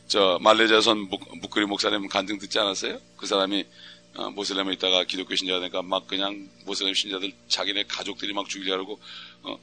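A man's voice: lowish voice, bright, forceful tone, slight background noise. A middle-aged man preaching a fervent sermon as a pastor, full of rhetorical questions and acted-out prayers.

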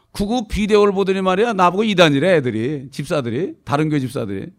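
A middle-aged pastor delivers a sermon loosely and conversationally, telling anecdotes casually and slipping in informal speech. He keeps checking in with the congregation through short questioning prompts. His delivery swings between raised, emphatic lines and soft, low asides.

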